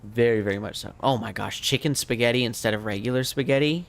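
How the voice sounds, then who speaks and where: Speaking fast in a gravelly, mid-range voice, a tired man from the United States is losing his voice on a late-night game stream. The streamer and language teacher rambles casually, chatting to his viewers as he plays.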